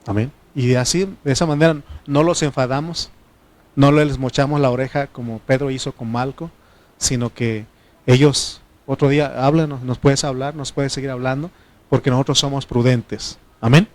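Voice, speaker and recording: With a medium pitch, steady tone, and moderate pace, a middle-aged man preaches a folksy sermon. This pastor is from Mexico, has a Mexican Spanish accent, and grew up speaking Triqui. He repeatedly asks the congregation for their responses.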